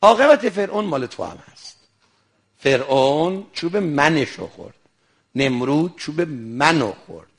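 A man preaching an animated sermon, telling stories and acting out their dialogue, sometimes rising to a shout. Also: on the high side. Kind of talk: sermon with storytelling.

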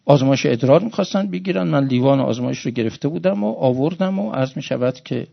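Gravelly male preacher, sermon. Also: lo-fi sound. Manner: emotional, swings from hushed storytelling to loud high exhortation.

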